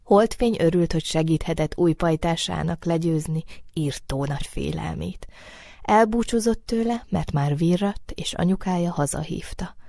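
A woman reads a children's story aloud in a lowish, gentle voice, often trailing into softness at phrase ends. The studio recording is close and dry, with no room sound. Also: vocal fry, no echo. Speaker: narrator. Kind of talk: storybook narration.

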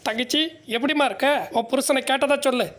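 A man talks fast and high, teasing and joking as he voices animals in comic clips. His tone is cartoonish and bantering. A clear hiss of noise sits behind him. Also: fairly even intonation, fairly bright tone. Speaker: comedy voice-over creator. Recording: noisy background.

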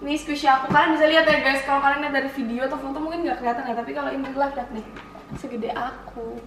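This young adult vlogger speaks very fast in a high, slightly bright voice with fairly even intonation, keeping things casual and playful while touring a house. The sound comes from a handheld camera mic at a distance, so the rooms echo and there's noticeable noise.

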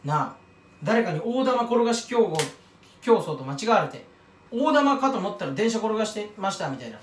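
A man rambles through a casual monologue to camera, mocking himself as he stumbles over words and wanders off on tangents. His pitch swings widely from phrase to phrase. He sits a little back from the mic in a roomy, echoing space. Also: very animated, normal speed, far from the mic, slight background noise. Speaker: YouTuber commenting on another creator.

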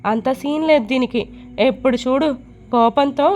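A woman voicing a sharp, needling middle-aged sister, fairly high-voiced. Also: normal speed, a little hiss or hum, close to an everyday voice. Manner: needling, nosy.

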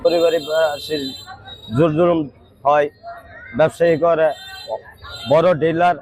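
Village man talking loud in choppy bits, kinda high voice, dry sound. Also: flat delivery, a little slow, no echo. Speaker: local villager. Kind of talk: street interview.

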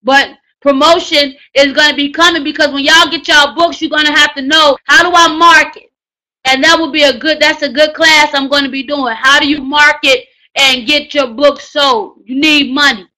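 Loud high-voiced woman hollering coaching. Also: steady tone, normal speed, rough recording. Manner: loud, hollering, preacher-like exhortation; repetitive "you gotta" slangy coaching. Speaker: writing class teacher. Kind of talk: live online class on book promotion.

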